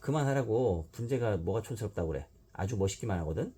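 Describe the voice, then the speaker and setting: A man's voice: on the low side, quick pace, dark tone, breathy edge, voice pushed up. A man voicing a timid but stubborn schoolchild who loves bonsai, pleading and insisting, in a raised, childlike voice. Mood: angry shouting.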